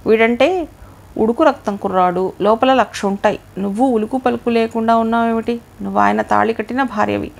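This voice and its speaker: A pushy, lecturing middle-aged man in an audio novel, read by a woman. He presses and scolds in a gravelly, creaky voice. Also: a little high. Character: scheming middle-aged male go-between, pushy.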